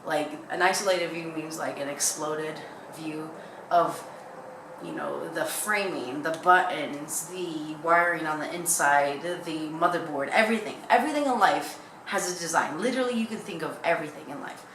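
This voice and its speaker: A woman's voice: low-pitched, moderate pace. A young woman chatting casually in a candid, rambling way that jumps from thought to thought, like a vlogger talking to viewers. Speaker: YouTuber. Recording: echoey room with faint background noise.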